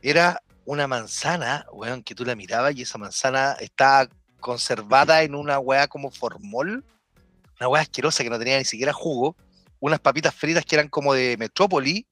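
A man with a Chilean accent, co-hosting a casual podcast chat and telling an animated story full of swearing. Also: medium pitch, brisk, no room sound, soft background music. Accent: Chilean Spanish. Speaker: podcast co-host.

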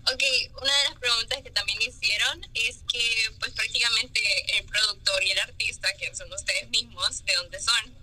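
A woman interviewing two musicians in a casual chat, upbeat with quick reactions. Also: on the high side, big pitch swings, pushed and bright, rough recording.

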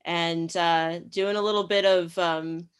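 A woman guest chatting playfully on a video call, dropping deadpan jokes. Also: lowish voice, measured pace, clean tone. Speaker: returning guest. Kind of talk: casual chat on a video call.

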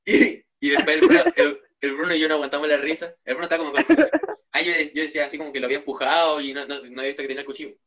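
A young man with a Chilean accent co-hosts a podcast, chatting casually and telling a long anecdote with restarts and asides. His voice is bright and sits a little high. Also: little pitch movement, racing. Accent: Chilean Spanish. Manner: rambling storyteller with restarts. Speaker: podcast co-host. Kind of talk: casual chat.

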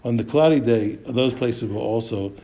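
This is a man teaching a Talmud text in a warm, mellow voice at an ordinary middle pitch. He reads Aramaic phrases and explains each one in English. He poses questions and answers them himself, often stumbling and restarting his sentences. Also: normal speed. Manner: frequent restarts, repeated words and hesitations.

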